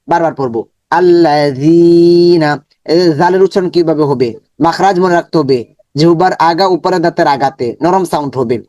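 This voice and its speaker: A man's voice, on the high side and a little mellow, walks through Quran reading step by step. Each word is slowly divided into syllables and repeated many times, then chanted whole in a drawn-out way. There's no room sound, and the highs are cut off.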